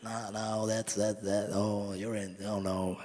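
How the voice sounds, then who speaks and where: A man doing a slow fretful conductor. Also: fairly low pitch, level tone, a loud crowd, close to an everyday voice. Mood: flustered. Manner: quiet, hesitant, dithering. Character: slow anxious fretful male train conductor. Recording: reverberant live venue.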